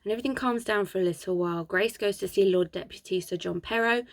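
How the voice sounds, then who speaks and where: A woman's voice: lowish voice, gravelly, dry recording. A woman with a sore throat, casually telling history from her notes, chatty and prone to asides. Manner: chatty, digressive, reading from notes. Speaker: history channel host.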